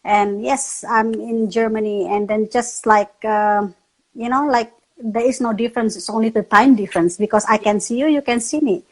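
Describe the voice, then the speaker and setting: Laughing woman, highish voice. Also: fairly even intonation, moderate pace, low-quality recording. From Indonesia. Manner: non-native English with restarts, laughs often. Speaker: meditation instructor, guest. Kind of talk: casual online interview.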